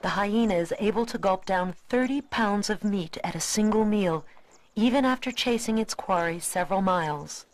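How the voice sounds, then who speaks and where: A woman reading scripted nature documentary narration in a measured, expository way. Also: medium pitch.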